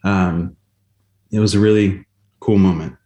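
A man's voice: low-pitched, fairly even intonation, measured pace, dark tone. A man who organizes a music event, speaking in a reflective, enthusiastic way on a radio interview. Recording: roomy echo.

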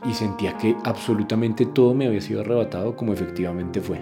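A man's voice: fairly low pitch, fast. Reflective man over guitar music. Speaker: interviewee, son recounting. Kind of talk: reflective testimony.

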